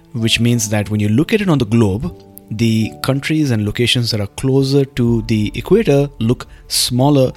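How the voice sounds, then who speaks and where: A man hosting a podcast in an earnest monologue, speaking directly to the listener. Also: on the low side. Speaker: podcast host and meditation guide. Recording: music under the voice. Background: background music.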